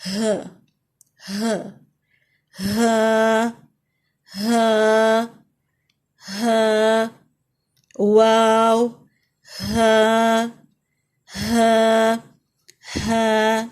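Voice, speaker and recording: A woman teaching Quran letter pronunciation in an online lesson. She explains each letter, then recites it slowly and clearly several times. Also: fairly high pitch, a little mellow. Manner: slow drawn-out letter recitation between explanations.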